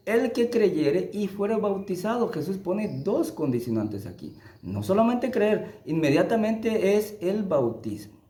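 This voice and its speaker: Emphatic preacher man, echoey room. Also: warm tone. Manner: emphatic, rising for scripture and dropping low to stress points. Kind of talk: sermon-style Bible teaching.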